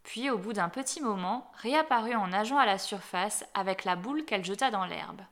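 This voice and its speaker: A woman reading a fairy tale aloud as storyteller, gentle and dropping softly at the ends of phrases. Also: mid-range voice, animated, a little fast.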